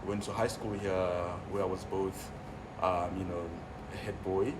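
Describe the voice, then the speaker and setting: A young man in his twenties with a South African accent talks about himself in a relaxed way, full of "you know" and "um". His low voice sounds set back from the mic. A steady noisy hum sits under the recording. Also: moderate pace. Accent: South African English. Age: 20s. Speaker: interview guest. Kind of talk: casual interview. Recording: distant mic, noisy room.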